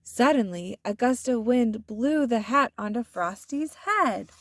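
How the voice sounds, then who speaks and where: A woman reads a children's storybook aloud, telling the story in an expressive, deliberate way. Her voice is a little high, and there is no echo.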